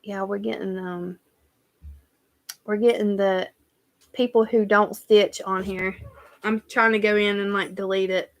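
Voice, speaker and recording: A woman's voice: medium pitch, level tone, a little slow, pauses often. A woman with a Southern US accent, chatting casually on a live stream and reading out viewer comments as she goes. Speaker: cross-stitch channel host.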